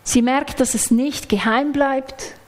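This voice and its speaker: A woman preaching a sermon in a measured, explanatory way, working through a Bible passage phrase by phrase. Now and then she sinks into soft, almost whispered asides. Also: high voice, fairly even intonation. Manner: explains text closely, acts out quoted lines.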